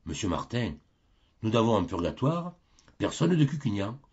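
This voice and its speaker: Un homme qui joue un grand ange aux ailes sombres, à la voix rauque et dolente, tenant un grand livre dans un conte lu. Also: male voice, fairly low pitch, big pitch swings, moderate pace, a little mellow, highs cut off, exaggerated voice. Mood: sighing. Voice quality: hoarse and doleful. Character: grand dark-winged angel keeping hell's book.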